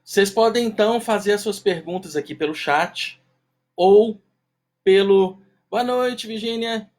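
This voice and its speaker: A man's voice: high-pitched, a little slow, a little mellow. A man with a nasal, duck-like voice hosting a live-stream class in a casual, chatty way, greeting viewers by name. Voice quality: nasal, self-described duck-like voice. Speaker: live-stream host teaching self-knowledge.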